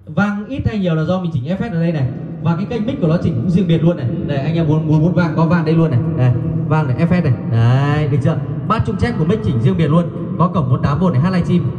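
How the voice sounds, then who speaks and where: A man selling a karaoke mixer, his voice drenched in digital karaoke echo as he checks the mic, counts and pitches eagerly, heard through speakers from some distance. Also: quick pace, dark tone, faint music behind. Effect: heavy digital karaoke echo from the mixer. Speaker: shop seller demonstrating a karaoke mixer. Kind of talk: sales demo with mic checks. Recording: echoing speaker sound from far off, dull and lo-fi.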